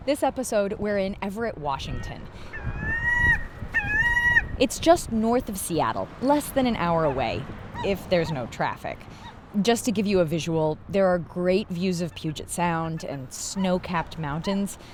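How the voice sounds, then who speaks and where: A woman's voice: lowish voice, expressive, measured pace, a little mellow, slight background noise. A woman hosting a podcast, narrating a scripted story in a conversational, explanatory way. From Pacific Northwest, US. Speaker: podcast host.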